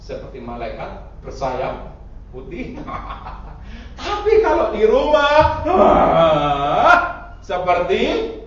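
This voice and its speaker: A man's voice: high-pitched, huge pitch swings, very slow. A man preaching a Pentecostal sermon, teasing his congregation and often asking them questions. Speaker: pastor. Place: large church hall. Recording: echoey church hall, distant dull mic.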